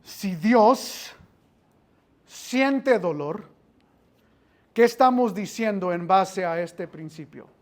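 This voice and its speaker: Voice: medium pitch, expressive, extremely slow, pauses often. A Bible teacher giving an interactive class, quizzing the listeners, repeating phrases and dropping in English filler words.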